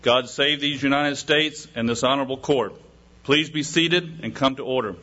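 A man's voice: medium pitch, moderate pace, pushed and bright. A man calling a court to order in a ceremonial, projecting way. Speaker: court crier. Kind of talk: formal court opening. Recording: muffled lo-fi recording.

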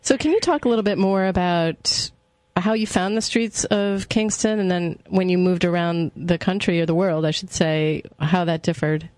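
A woman hosting a radio interview, friendly and easygoing, with a slightly halting way of asking her questions. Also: on the low side, a little mellow, no echo. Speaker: radio host.

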